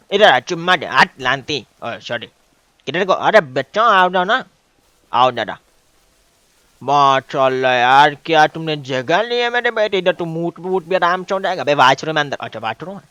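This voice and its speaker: A man streaming a game role-play, loud and bossy, teasing and shouting at his friends. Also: a little high, no room sound.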